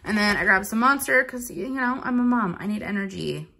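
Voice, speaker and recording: A woman's voice: medium pitch, lively intonation, a little fast, vocal fry, pushed and bright. A young woman chatting casually through a grocery haul, rambling with many fillers, filmed at home on a phone. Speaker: vlogger. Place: home kitchen counter.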